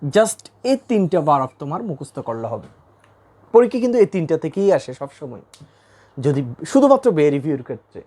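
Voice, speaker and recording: A man's voice: a little high, very animated, moderate pace, mellow. A man from Bangladesh teaching English grammar at a board, repeating key points and quizzing his students. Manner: repeats key points, asks the class questions. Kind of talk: classroom grammar lesson. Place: classroom with a board.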